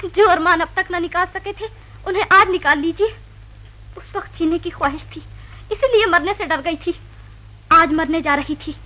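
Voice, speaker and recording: Brief: a hurt, earnest wife, shrill bright voice, 1940s melodrama. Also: female voice, poor audio. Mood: defiant. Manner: earnest, pleading. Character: wronged young wife Sheela, tearful but proud. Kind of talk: 1940s film acting.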